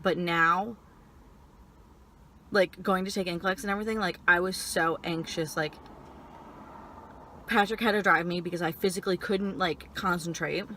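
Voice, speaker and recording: A young woman telling personal stories casually while eating and chewing, in halting phrases peppered with "like". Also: on the low side, fairly even intonation, bright, forceful tone, slight background noise. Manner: frequent filler "like", halting stop-and-start phrasing. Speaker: vlogger. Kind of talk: casual personal storytelling chat.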